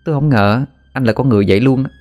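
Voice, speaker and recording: A man's voice: medium pitch, racing, a little mellow, voice pushed up, natural voice. A man voicing an irritated young village woman who scolds sharply. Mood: indignant. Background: faint background music.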